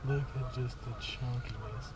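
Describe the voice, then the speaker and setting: A young man vlogging at a lakeshore, talking about his catch in an excitable, slangy way. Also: medium pitch, unhurried, noisy background. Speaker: fishing vlogger. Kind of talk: excited outdoor fishing chat. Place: lakeshore in woods, outdoors. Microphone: action camera.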